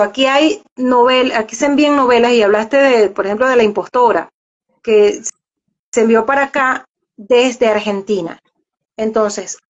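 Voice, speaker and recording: A woman with a slightly raised pitch explains things in a relaxed interview, often circling back over a word before going on. The audio is muffled and lo-fi. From Venezuela. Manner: explanatory, repeats words while searching for them. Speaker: voice actress and journalist, guest. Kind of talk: casual interview chat. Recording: dull lo-fi audio.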